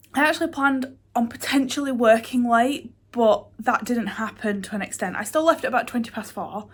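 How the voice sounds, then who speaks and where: Sounding stuffed up with a cold, a young book vlogger speaks casually to her camera in a slightly high voice. She rambles, restarts, and says um a lot, making fun of herself while catching up on her reading and her busy week.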